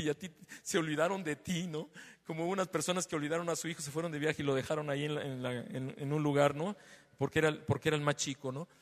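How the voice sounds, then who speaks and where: A man preaching a sermon in a conversational way, peppering the congregation with tag questions. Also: big-room sound. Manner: loud and emphatic, then lowers his voice after being told he is shouting. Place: church hall. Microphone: handheld or stand microphone.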